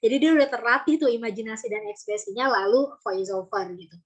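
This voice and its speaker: A woman's voice: on the high side, fast, husky. A woman storytelling trainer teaching volunteers in a casual workshop, breaking off to demonstrate voices and intonations.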